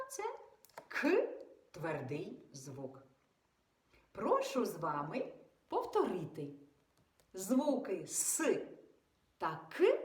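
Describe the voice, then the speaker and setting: A woman teaching young children in a patient, exaggerated sing-song voice, pausing for them to answer. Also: on the low side, echoey room. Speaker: preschool teacher.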